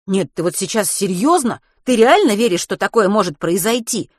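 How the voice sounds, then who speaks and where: A woman voicing an excitable, cheeky teenage schoolboy who talks back indignantly. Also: medium pitch, normal speed, dry recording, studio quality, voice pushed up, natural voice. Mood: agitated. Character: agitated defiant teenage schoolboy.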